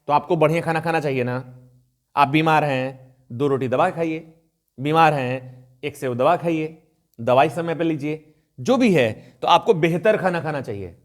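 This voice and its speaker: A man teaching an online grammar lesson in a conversational way, reading example sentences slowly and deliberately. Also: a little high. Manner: conversational, addresses viewers as friends. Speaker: English teacher.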